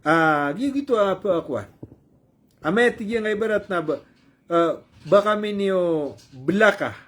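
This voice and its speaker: Man, high-pitched voice, casual news commentary, loose chatty delivery, fillers and restarts. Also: lively intonation, a bit bright. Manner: conversational, with fillers and self-corrections; reads English quotes slowly.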